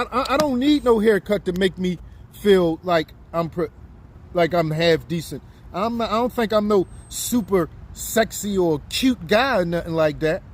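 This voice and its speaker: A man of fifty doing a casual live-stream chat outdoors, talking straight to his viewers. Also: high-pitched. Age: 50s. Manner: chatty, talks straight to viewers. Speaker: livestreamer. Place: outdoors on a city street. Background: faint street and traffic noise.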